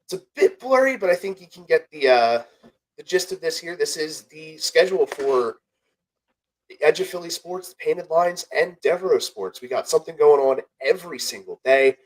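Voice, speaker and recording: A young man with a high-leaning, expressive voice co-hosts a casual sports podcast at a normal pace, on poor audio. Slightly nasal and congested from a cold, he rambles, corrects himself and jokes his way through the ad reads.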